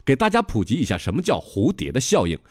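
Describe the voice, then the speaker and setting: A man's voice: mid-range voice, wildly swooping pitch, fast talker, a little mellow, breathy edge, no echo, clean studio sound. A man with a Northeastern Mandarin accent hosting a comedy podcast, telling jokes in a rowdy, mock-lecturing way and laughing at his own punchlines. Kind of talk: comic storytelling in dialect.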